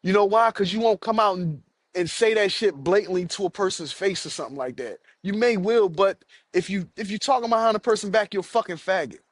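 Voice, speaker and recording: In a brisk, high-sitting voice, an adult American father hosts a podcast alone, ranting furiously with profanity and repetition. The recording has clean studio sound and no room sound.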